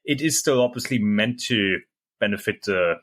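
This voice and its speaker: A middle-aged German man, a native German speaker, appears as a guest in a casual interview chat. His voice is lowish and a bit bright at a normal speed, and he talks hesitantly, with many fillers and restarts.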